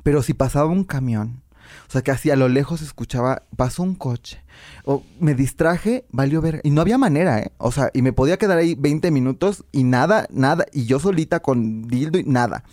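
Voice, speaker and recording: A woman with a Mexican Spanish accent, a podcast guest telling candid stories in a lively way, laughing often and acting out her own past words. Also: very deep voice, fairly quick, no echo, clean studio sound. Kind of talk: frank candid storytelling.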